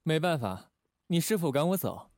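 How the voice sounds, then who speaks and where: Voicing a calculating, suave male station chief for a Republican-era espionage radio play, the actor speaks smoothly and teasingly at a measured pace. His voice is a little high and darkish, with a sing-song, gentle quality.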